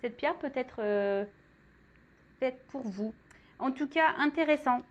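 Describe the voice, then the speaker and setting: A woman's voice: high-pitched, slow, muffled recording. A woman doing a casual tarot and crystal reading, chatty and full of asides to her viewers. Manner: chatty, many fillers, warm asides to viewers. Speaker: tarot reader. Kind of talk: casual spoken card reading.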